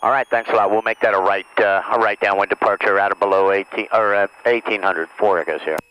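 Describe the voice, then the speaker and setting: A man's voice: on the low side, steady tone, fast talker, a bit bright, clear, resonant tone, rough recording. A man, a pilot, calling the tower over the aircraft radio in clipped, routine radio phrasing. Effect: pilot heard over the aircraft radio.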